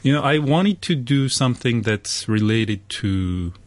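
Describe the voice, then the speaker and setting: A native Korean speaker from South Korea, appearing as an artist guest on a radio interview, talks about his art with many fillers and restarts. His mid-range voice is expressive and his pace measured.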